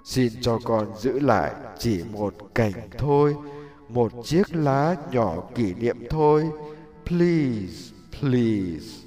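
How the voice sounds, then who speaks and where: A man's voice: medium pitch, animated, very slow, dark tone, soft background music. A man voicing a pleading young bamboo. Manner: pleading, tearful. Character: young bamboo, pleading and frightened, then humble.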